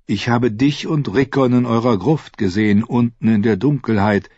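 A grave boy seer who speaks slowly and heavily, as if each word hurts, as a man reading aloud puts him on. The voice is husky and dry, in a dull recording. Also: mid-range voice, darkish tone, no echo, voice pushed up, close to an everyday voice. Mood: sorrowful. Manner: slow, heavy, pained.

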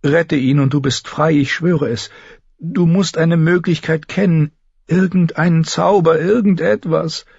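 A man's voice: medium pitch, expressive, a little slow, husky, no echo, pitched above the performer's own voice. A man voicing a young queen in a storybook reading, speaking urgently and pleading. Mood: pleading, desperate. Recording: slightly dull recording.

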